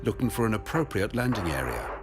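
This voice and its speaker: A man's voice: lowish voice, sing-song, fast talker. A man reading scripted documentary narration as the narrator. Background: music.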